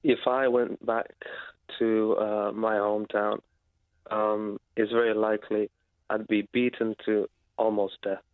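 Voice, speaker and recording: A man calling in to a radio show, speaking haltingly with many fillers and pauses. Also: on the low side, level tone, no room sound. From Britain. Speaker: caller. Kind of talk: phone-in radio call. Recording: tinny phone line.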